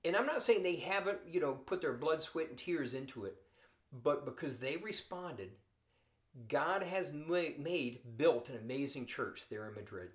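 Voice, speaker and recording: A man's voice: on the high side, expressive, measured pace, echoey room. A man hosting a podcast, preaching a sermon with earnest storytelling. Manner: earnest storytelling, quoting scripture figures.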